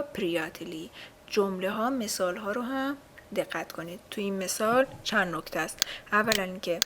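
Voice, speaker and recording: A woman's voice: medium pitch, a bit bright, slight background noise. A woman teaching a language in a casual spoken lesson, explaining patiently with many fillers and frequent checks on her students. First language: Persian.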